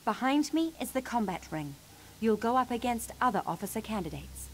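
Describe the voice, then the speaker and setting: Brief: a demanding combat overseer, curt delivery, faint noise. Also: female voice, fairly high pitch, big pitch swings, fairly quick. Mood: stern. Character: stern female officer overseeing combat trial.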